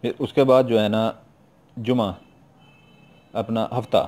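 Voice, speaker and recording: A man's voice: on the low side, steady tone, a little slow, darkish tone. A middle-aged man with a Pakistani Urdu accent, giving casual spoken instructions on his YouTube channel and repeating himself often. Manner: repetitive, informal, keeps adding "theek hai na". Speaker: YouTube occult practitioner.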